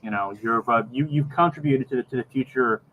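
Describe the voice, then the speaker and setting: Middle-aged man on a dull video call. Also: medium pitch. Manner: halting, repeats words as he goes. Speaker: podcast co-host. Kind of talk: casual rambling chat on a video call. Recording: dull lo-fi video call, faint background noise.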